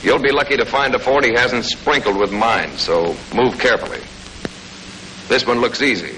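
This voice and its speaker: This is the style of a 1940s military training film narrator: an American man giving scripted, no-nonsense instruction with a folksy edge. His mid-range voice has a sharp tone and moves at a moderate pace, heard on a noisy old film soundtrack from that decade.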